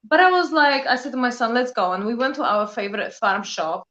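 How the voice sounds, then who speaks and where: Here a thirty-something guest from Poland chats casually, her Polish accent clear and her pitch on the high side. She talks a little fast, spinning lively stories packed with fillers such as "you know," over a muffled recording.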